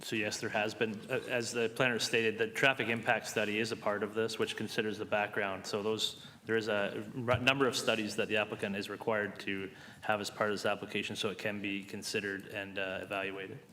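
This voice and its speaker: Man chairing a council meeting, bright crisp voice, firm and measured. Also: lowish voice, little pitch movement, slight background noise. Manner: measured, firm, addresses people as sir. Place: council chamber.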